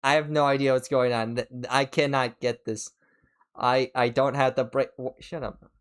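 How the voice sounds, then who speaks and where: A man chatting casually on a reaction stream, excitable, swearing, and restarting his sentences as he rambles. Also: medium pitch, normal speed, clean tone.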